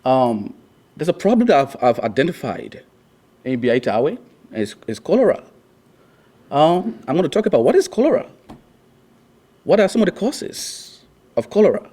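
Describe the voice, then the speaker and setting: A man's voice: on the high side, big pitch swings, moderate pace, long pauses, warm tone. A young man from Liberia giving a class presentation, earnest and restarting his sentences often. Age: young adult. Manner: earnest, with frequent restarts and fillers. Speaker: student presenter.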